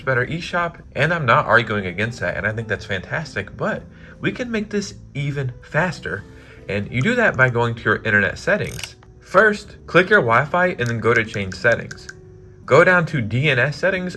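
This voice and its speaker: A man talks through console tips in a casual vlog, his voice bright and forward. He is upbeat and chatty, leaning on "like" and poking fun at his own slips. Soft music plays faintly behind him. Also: medium pitch. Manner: upbeat and chatty, heavy use of "like"; self-deprecating, laughs at own slips. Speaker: gaming YouTuber.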